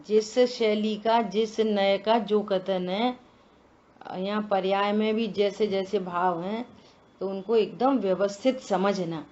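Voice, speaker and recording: A woman giving a religious scripture discourse, slow and deliberate, asking many rhetorical questions. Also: mid-range voice, a little mellow, muffled recording. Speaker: scripture teacher.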